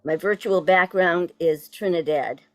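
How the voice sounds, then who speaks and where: Woman, Boston accent, slow and deliberate, lowish pitch, informal online talk with halting delivery. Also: no echo. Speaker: poet introduced as guest speaker. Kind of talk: informal spoken presentation at online event. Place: virtual event on video call.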